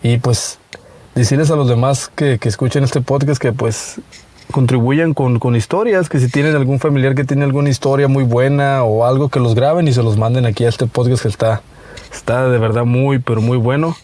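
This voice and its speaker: Halting Mexican man in his thirties. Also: medium pitch, fairly even intonation, dark tone. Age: 30s. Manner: halting, with many restarts and fillers. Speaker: listener sharing a story. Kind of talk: casual recorded storytelling.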